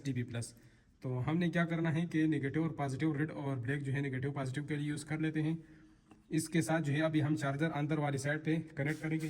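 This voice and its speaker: A man with a fairly high, slightly mellow voice narrates an informal, hands-on tutorial while he works, walking through each step and repeating himself. He's an installer recording on an installation site, and the on-location background noise comes through clearly.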